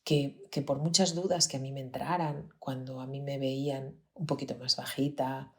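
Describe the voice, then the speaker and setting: Deep-voiced Spanish woman telling a story. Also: little pitch movement, moderate pace. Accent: Peninsular Spanish. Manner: reflective, earnest, often drops to a near-whisper. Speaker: podcast host, pediatrician. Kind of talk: personal storytelling podcast.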